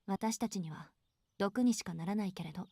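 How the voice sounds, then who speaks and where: An actress voicing a proud, sharp-tongued young woman in an anime-style visual novel, curt and scolding. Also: medium pitch, very fast, vocal fry, breathy edge, no room sound, studio quality. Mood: parting. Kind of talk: anime game voice acting.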